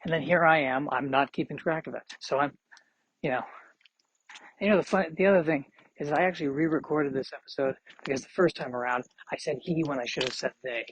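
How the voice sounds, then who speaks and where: A man's voice: on the high side, fairly quick, a little hiss or hum, poor audio. A man in his forties hosting a solo podcast, chatting casually in a rambling, self-deprecating way. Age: 40s. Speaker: podcast host.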